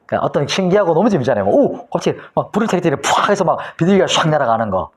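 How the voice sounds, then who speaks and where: A man's voice: fairly high pitch, very fast. A man from Korea, a pastor giving a Bible lecture, who tells the story vividly and acts out the scenes. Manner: animated storytelling, acting out scenes.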